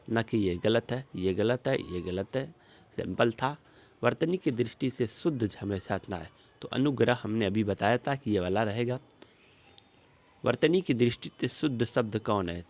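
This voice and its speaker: A man teaching an exam-prep lesson, working through spelling questions shown on a screen and slowly repeating each word as he explains it. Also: on the low side.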